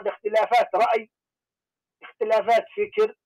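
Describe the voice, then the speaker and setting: A man, a sheikh calling in, arguing his religious position in measured, formal speech. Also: high-pitched, level tone, a little mellow, poor audio. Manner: measured, formal classical phrasing. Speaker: caller, sheikh.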